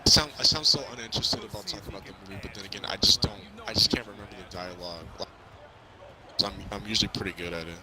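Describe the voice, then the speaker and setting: A video host with a voice on the low side chats haltingly, giving a casual movie review over a basketball video game. Crowd noise and bouncing balls from the game play behind him.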